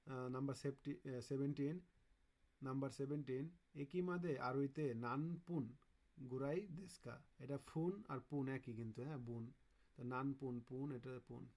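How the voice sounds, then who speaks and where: A man leads a casual exam-prep lesson, talking students through kanji questions. He pauses to sound out Japanese words slowly, as if thinking aloud. His voice sits at an ordinary middle pitch. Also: fairly even intonation, a little mellow. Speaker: Japanese language teacher.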